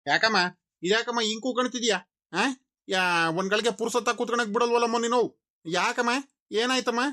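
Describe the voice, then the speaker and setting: A man's voice: very high voice, fairly even intonation, a little fast, pushed and bright. A man voicing a polite, soothing village elder brother in a cartoon.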